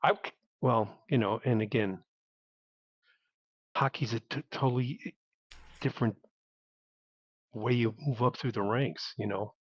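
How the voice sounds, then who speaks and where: A man's voice: medium pitch, measured pace, long pauses, dry recording. A middle-aged man calling in over a clipped phone line, talking casually and rambling through his thoughts with restarts. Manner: rambling, thinks aloud with restarts. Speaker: caller. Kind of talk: casual call-in chat.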